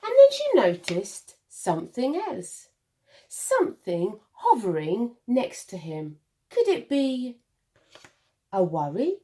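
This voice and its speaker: Reading a picture book aloud for young listeners, a woman sounds like a primary school teacher, expressive and full of deliberate dramatic pauses and emphasis. Her voice is on the high side, with huge pitch swings and a dark tone.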